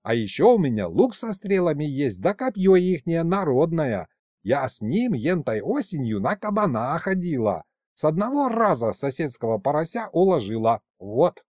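A man's voice: on the high side, very animated, moderate pace, darkish tone, no room sound, clean studio sound, pitched above the performer's own voice. A man voicing a young female kikimora who chatters eagerly and boasts. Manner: rattling, eager.

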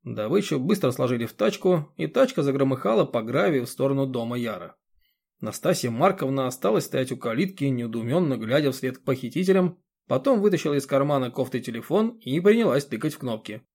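Male audiobook narrator, steady, even, mid pitch. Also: brisk, vocal fry, breathy edge. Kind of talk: scripted narration.

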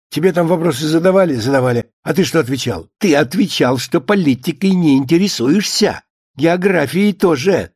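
A man's voice: fairly high pitch, darkish tone, no room sound, clean studio sound. A man voicing a pompous, boozy older Soviet official who hectors and scorns his visitor in a long tirade.

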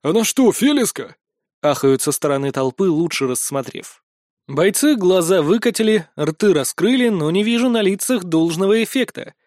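A man narrating a fantasy audiobook in the first person, with a lively, expressive reading on a close mic. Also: sits high, moderate pace, no echo.

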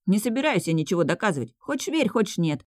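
A woman's voice: on the low side, big pitch swings, moderate pace, no echo, studio quality. Woman reading a sulky rich boy. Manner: sulky, offended retorts.

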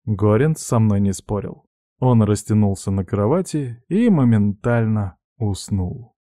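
A man narrating an audiobook in a wry, measured storytelling manner. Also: fairly low pitch, lively intonation, warm tone, dry recording, clean studio sound. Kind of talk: audiobook reading.

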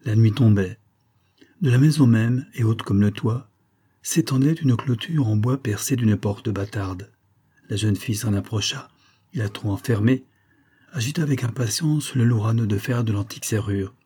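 Brief: low, dark-toned male narrator, husky, measured audiobook storytelling. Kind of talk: scripted narration of a classic short story.

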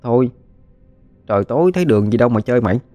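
A man's voice: medium pitch, lively intonation, fast talker, mellow, dry recording, faint music behind, voice pushed up, close to an everyday voice. A man doing a timid little boy. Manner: hesitant, fearful, childish. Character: timid five-year-old boy, scared of ghosts.

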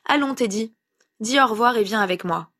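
A woman's voice: on the high side, brisk, bright, forceful tone, pitched above the performer's own voice. A woman reading aloud and voicing a stern, dignified grandmother who speaks firmly. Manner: firm, scolding.

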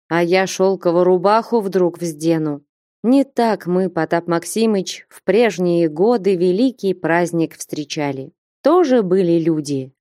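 A woman's voice: on the low side, mellow, no room sound, studio quality. Woman reading a humble young man.

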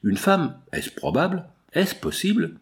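A man's voice: mid-range voice, big pitch swings, normal speed, a little mellow, close to an everyday voice. A man voicing a distressed middle-aged woman who earnestly pleads her case to a magistrate in an audiobook. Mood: astonished.

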